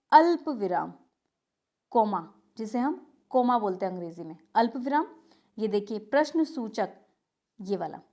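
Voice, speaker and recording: A woman's voice: a little high, a little mellow. A woman teaching a grammar lesson to exam students, narrating over a shared screen and often asking a question and answering it herself. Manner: repeats key terms as questions and answers them, says "ठीक है" often.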